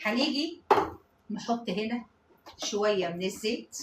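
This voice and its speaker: Cooking at home for her channel, this Egyptian Arabic-accented woman talks chattily to viewers while she works. She speaks a little slowly and expressively in a mid-range voice, with slight background noise. Pans and dishes clatter in the echoey kitchen.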